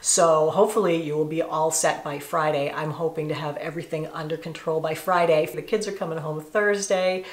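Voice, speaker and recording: Middle-aged woman, low voice, chatty, confiding, casual home vlog, lots of fillers. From northeastern United States. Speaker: vlogger.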